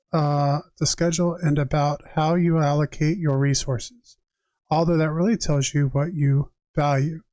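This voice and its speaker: A man with a somewhat high, slightly mellow voice gives a tarot reading on a livestream, with no echo in the audio. As a tarot reader and live streamer, he's conversational and reflective, switching between reading aloud and chatting directly with viewers.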